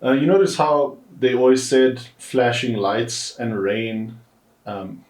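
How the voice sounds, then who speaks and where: A man's voice: mid-range voice, steady tone, takes it slowly. A man co-hosting a podcast, chatting casually about a film and thinking aloud with hedges. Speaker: podcast co-host. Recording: echoey room.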